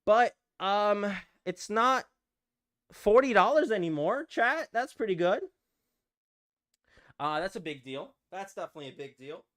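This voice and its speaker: Young adult streamer, casual live chat, lively swooping pitch, playful, repeats phrases. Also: measured pace, long pauses. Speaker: livestream host.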